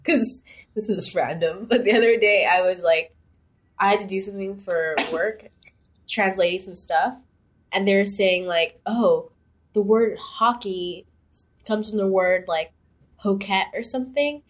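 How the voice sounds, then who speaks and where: A woman's voice: mid-range voice, measured pace. A young woman co-hosting a podcast in casual chat, rambling with many fillers and restarts. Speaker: podcast co-host.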